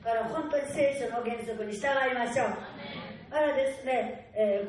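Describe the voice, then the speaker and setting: Echoey woman pastor preaching from afar. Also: on the high side. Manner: emphatic, calls for loud amens. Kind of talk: sermon. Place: church hall. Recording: echoey hall from far off.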